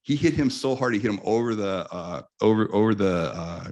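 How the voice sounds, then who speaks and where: This fifties-aged man from the US is a guest in a relaxed interview, spinning lively stories with many restarts. He has a lowish voice and a brisk delivery.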